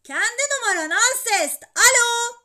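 Woman voicing a keen young schoolboy, high, bright and breathless, storybook read-aloud. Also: very animated, normal speed, exaggerated voice. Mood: eager. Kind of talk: children's story reading.

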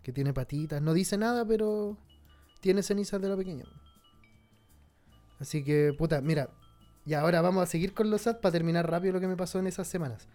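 A man's voice: high voice, brisk, long pauses, mellow, soft background music. A man with a Chilean accent telling a sad personal story in casual, slang-heavy chat. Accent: Chilean Spanish. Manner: slangy, somber storytelling, frequent swearing.

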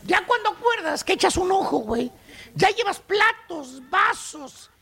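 Cartoonish Chicano comic ranter: extremely high, creaky, streetwise, mocking. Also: male voice, very animated, unhurried, pushed and bright, heavily acted. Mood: exasperated. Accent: Chicano Mexican. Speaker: comedy show host. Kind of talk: comic rant in slang.

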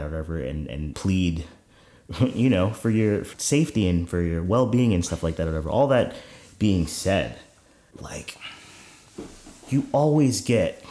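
A man's voice: low voice, dark tone. A man chatting casually as a podcast co-host, rambling through anecdotes with some swearing. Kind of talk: casual conversation. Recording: roomy, echoing sound.

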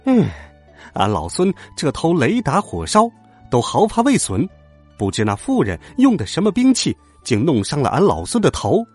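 A man's voice: a little high, huge pitch swings, moderate pace, husky, faint music behind, exaggerated voice. A man voicing a brash, boastful male monkey king hero in a children's story. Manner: cocky, loud exclamations.

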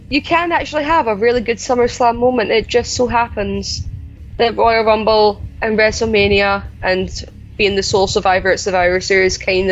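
A woman's voice: medium pitch, dull audio. A woman with a mixed Edinburgh and Glasgow Scottish accent, hosting a podcast in a casual, chatty style. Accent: Scottish, Edinburgh and Glasgow mix. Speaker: podcast host. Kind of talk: casual chat.

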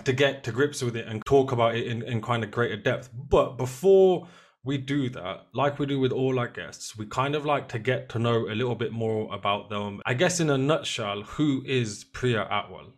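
A man's voice: medium pitch, moderate pace. A man hosting a podcast, speaking in a conversational interview style with some prepared introductory delivery. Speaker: podcast host.

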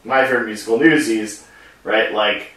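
A man's voice: fairly low pitch, steady tone, moderate pace, fairly bright tone. A man in casual conversation about musicals, giving easy replies and his own opinions. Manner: conversational, with brief agreeing replies. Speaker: co-host discussing a musical and its film. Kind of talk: casual chat. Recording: echoey room, distant from the mic.

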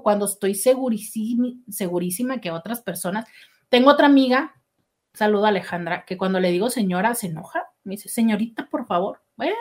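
A middle-aged woman hosting a casual show and chatting animatedly as she reads listener messages. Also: on the high side. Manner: chatty, warm, animated with exclamations. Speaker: radio host reading listener messages. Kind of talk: casual call-in show chat.

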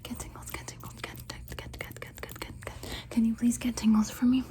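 A woman performs ASMR in a fast, airy whisper with a fairly high voice. She repeats short words and phrases insistently, as if pleading with the listener. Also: level tone, warm tone, breathy edge.

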